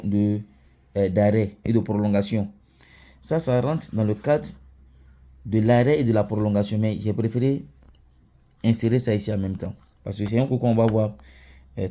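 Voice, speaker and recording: A man teaching Quran recitation, chanting example words slowly and often checking in with the listener. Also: lowish voice, dark tone. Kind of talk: teaching lesson.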